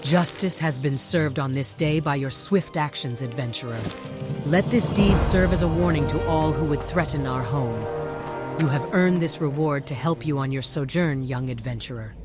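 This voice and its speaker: Man voicing a higher-pitched, formal tauren villager. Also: normal speed, close to an everyday voice. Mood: earnest. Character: earnest formal tauren villager greeting adventurers. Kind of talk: fantasy game character dialogue. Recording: loud music over game dialogue.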